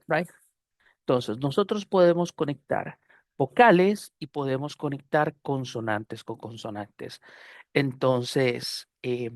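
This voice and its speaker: Here a man's fairly high but darkish voice comes through a computer mic on a video call, clean and echo-free with studio quality. Spanish-speaking with a Costa Rican accent, he runs an online English pronunciation class, explaining patiently and often repeating phrases with fillers.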